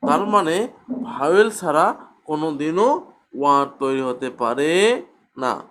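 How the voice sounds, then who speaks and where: Slow, deliberate male grammar teacher. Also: a little high, animated, a bit bright. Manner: repeats questions and answers them himself, slow and deliberate. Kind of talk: grammar lesson.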